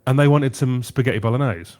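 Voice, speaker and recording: A man's voice: mid-range voice, fast, darkish tone. A man co-hosting a radio show, chatting casually and telling stories in a hesitant, rambling way. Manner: rambling, hesitant storytelling with restarts and put-on voices. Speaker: radio co-host. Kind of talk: casual banter. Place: radio studio.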